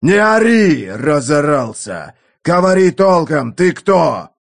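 A man's voice: on the high side, animated, a little slow. A man narrating an audiobook, putting on the snarling, threatening voice of a brutal old mercenary. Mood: menacing, furious. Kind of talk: audiobook character voice.

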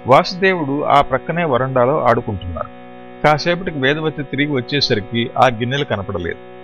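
Guy reading an audiobook, steady and explanatory, kinda dull lo-fi sound, soft music underneath. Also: medium pitch, normal speed. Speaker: audiobook narrator. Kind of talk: scripted narration.

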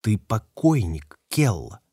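A man's voice: medium pitch, sing-song, moderate pace, no room sound, clean studio sound. A man voicing a fierce, defiant young woman ship captain who talks sharply and curses. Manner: sharp, cursing, hissing. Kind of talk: audiobook character voice.

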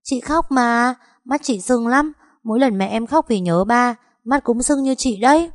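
A woman's voice: animated, a little slow, no echo, studio quality. A woman doing a chirpy little boy. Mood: eager. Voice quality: high, bright childlike voice.

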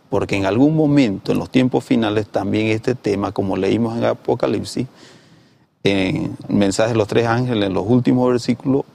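A man's voice: fairly low pitch, vocal fry, darkish tone. A man in a Bible lesson discussion, reading verses aloud with rising emphasis between plain conversational asides. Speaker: Bible study discussion partner.

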